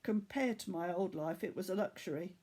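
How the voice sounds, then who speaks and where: Voicing a tired, sincere Bangladeshi boy in a storybook, a woman tells his tale with measured delivery. Her fairly low voice is mellow and slightly rough, carrying a sorrowful feeling.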